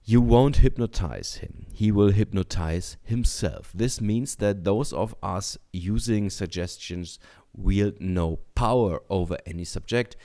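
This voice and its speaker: A man reading a book aloud in a deliberate, measured way, adding short comments as a teacher. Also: on the low side, dark tone. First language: German.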